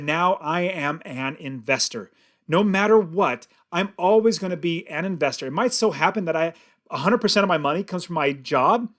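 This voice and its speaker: A man's voice: on the high side, a bit bright. A middle-aged man hosting his show, telling a personal story in an earnest, vivid and emphatic way. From California. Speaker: host.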